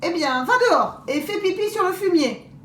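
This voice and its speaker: A woman's voice: very high voice, animated, moderate pace, roomy sound, slight background noise, pitched above the performer's own voice. A woman voicing a grumpy male wolf who poses as a grandmother and scolds impatiently. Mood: cross.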